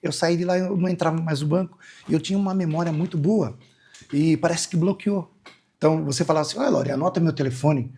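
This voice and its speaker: A Brazilian man with a Brazilian Portuguese accent, a guest on an interview show who tells long, rambling anecdotes full of asides. His voice sits a little high and carries a husky edge. He answers in a loose storytelling way. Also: fairly even intonation, fast talker, warm tone. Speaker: guest, musician and hypnotist.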